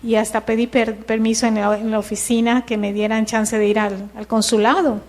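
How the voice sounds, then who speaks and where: A middle-aged woman, telling her personal testimony in church in a lively storytelling way. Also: on the high side, moderate pace. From Mexico. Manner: lively storytelling, acting out dialogue. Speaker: church member giving testimony.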